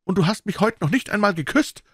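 A man voicing an erratic, abrupt young male scholar in a read-aloud crime story, prone to excitable outbursts. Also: medium pitch, normal speed, dry recording, clean studio sound, pitched above the performer's own voice. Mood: indignant.

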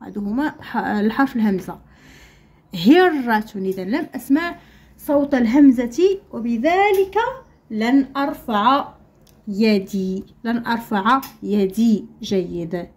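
A woman's voice: a little high, expressive, a little slow, darkish tone, slightly rough. A woman with a Moroccan accent teaching Arabic letters to young pupils, drawing words out syllable by syllable. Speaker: primary school Arabic teacher. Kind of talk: recorded classroom lesson.

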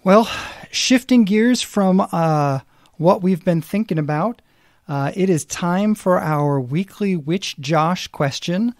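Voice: medium pitch, slow, no room sound, clean studio sound. A co-host of a podcast running a quiz segment in a playful, encouraging way. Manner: playful, encouraging, hums game-show jingles. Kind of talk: casual phone conversation.

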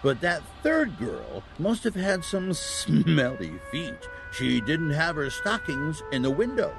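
An actor playing a kindly, patient old Saint Nicholas as Santa in a family audio drama, telling stories with a gently halting, chuckling manner. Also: male voice, fairly high pitch, big pitch swings, vocal fry, over music, heavily acted, poor audio. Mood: jovial storytelling.

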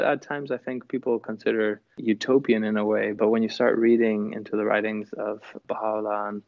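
Brief: man from Chile, even and low, reflective interview guest, lo-fi dry audio. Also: gravelly, dry recording. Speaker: musician guest. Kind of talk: interview answers. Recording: dull lo-fi dry sound.

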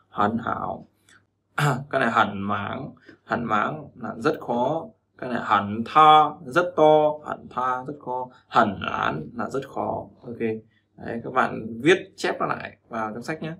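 A man's voice: medium pitch, a little slow, creaky, bright, forceful tone. A man teaching Chinese pronunciation, repeating words after a recording and explaining them. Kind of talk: pronunciation lesson.

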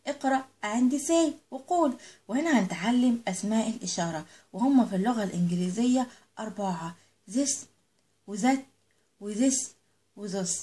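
A woman's voice: a little high, dark tone. Patient Egyptian woman teaching a lesson. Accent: Egyptian Arabic. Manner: patient, repeats each point and asks questions before answering them. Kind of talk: explaining a children's English lesson.

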